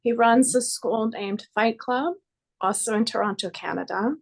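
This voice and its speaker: A woman's voice: a little high, unhurried, creaky. A woman hosting an interview over a video call with her computer mic, friendly and giggly, introducing her guest. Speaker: interview host, body care practitioner. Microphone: computer microphone.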